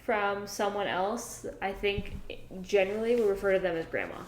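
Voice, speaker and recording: A woman co-hosting a casual podcast, teasing her co-host and quickly running through plugs. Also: medium pitch, slight background noise. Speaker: podcast co-host, dog trainer and business owner. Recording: roomy, echoey room.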